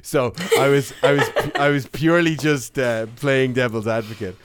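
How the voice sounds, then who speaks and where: A man's voice: mid-range voice, fairly even intonation, moderate pace, heavy background noise. A man hosting a podcast in casual chat, rambling and self-deprecating, prone to tangents. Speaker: podcast host.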